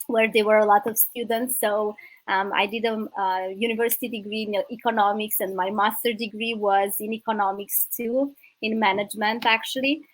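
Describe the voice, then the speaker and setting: A woman in her thirties from Romania, a native Romanian speaker, telling her life story as an interview guest, warm and grateful with many hesitant fillers. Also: mid-range voice, fairly even intonation, normal speed, dry recording, low-quality recording. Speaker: guest, business coach.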